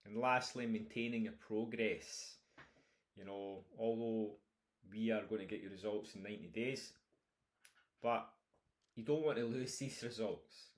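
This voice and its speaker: A man with a broad Scottish accent speaks as a coach, informally introducing a course and encouraging listeners directly. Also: on the low side. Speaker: health and nutrition coach presenting a course. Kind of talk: informal course introduction, talking through topics.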